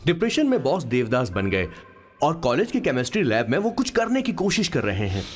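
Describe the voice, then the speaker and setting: A man's voice: medium pitch, huge pitch swings, fairly quick, soft background music. An actor playing a talkative male assistant who narrates his boss's story in a dubbed film, stumbling over names. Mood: lively. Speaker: narrator and sidekick.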